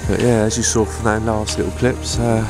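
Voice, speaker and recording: Deep-voiced bloke chatting casually. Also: male voice, level tone, a little fast, over music. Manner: chatty, rambling, with fillers and restarts. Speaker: fishing vlogger. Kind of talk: casual vlog chat to camera. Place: inside a fishing bivvy tent by a lake. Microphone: clip-on lapel mic.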